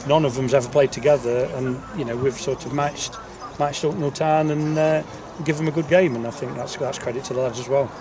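Crowd noise surrounds a football manager as he gives a casual post-match interview outdoors on the pitch. His medium-pitched voice stays fairly even, a little fast with few pauses, and he repeats his words often. A distant outdoor mic captures clear background noise.

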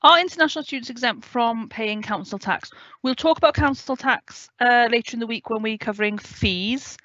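Wearing a headset in a home room with a window, this Welsh-accented woman in her thirties from West Wales works as a student adviser running an online orientation and answering questions. Her voice sits on the high side, a bit bright, at normal speed, and she explains in a clear, friendly way, often asking "okay?". The video call sound is dry, dull and without echo.

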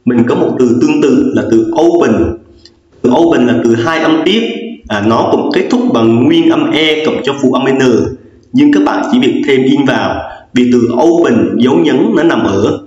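A man's voice: mid-range voice, normal speed, darkish tone, dull audio. Man teaching in an echoey room. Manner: patient, repetitive explaining with many fillers. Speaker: English teacher. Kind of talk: recorded grammar lesson.

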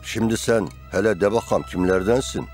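A man's voice: lowish voice, normal speed, a little mellow, faint music behind, lightly acted. A man in his sixties playing a grumpy, disapproving old village grandfather in a TV comedy-drama, blunt and scolding. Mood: suspicious. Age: 60s.

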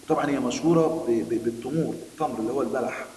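A man with an Egyptian Arabic accent teaching a primary school Arabic lesson, quickly explaining a text to children. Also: mid-range voice, darkish tone. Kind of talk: recorded classroom lesson. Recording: echoey room, distant mic, faint hiss.

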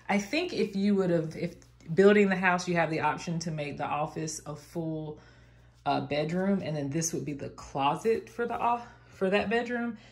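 This is a chatty, low-voiced woman from the American South, a vlogger walking viewers through an empty house with bare rooms. Her voice is creaky, and she narrates casually and enthusiastically with plenty of "like"s, filming on a phone camera as she moves through the echoey indoor space.

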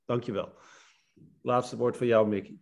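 A man's voice: mid-range voice, steady tone, unhurried, creaky, darkish tone. A man in his fifties giving friendly, encouraging closing remarks on a video call, with some fillers. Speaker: team lead. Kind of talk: closing remarks in an online meeting.

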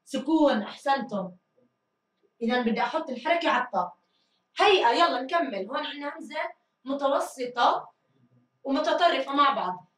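A woman teacher giving a grammar lesson, drilling answers and stretching words slowly. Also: high voice, animated, fairly bright tone, far from the mic. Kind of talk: recorded classroom grammar lesson. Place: school studio room. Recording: echoey room, mic set back.

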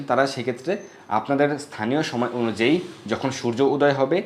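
A man giving devotional instruction in a measured, explanatory way, slowing down to recite Sanskrit mantras. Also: mid-range voice. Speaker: Vaishnava religious teacher.

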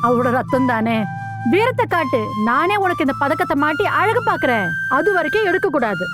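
A woman's voice: sits high, very animated, fairly quick, loud music behind the voice. A firm, loving mother. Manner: firm, lecturing. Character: stern but loving young mother.

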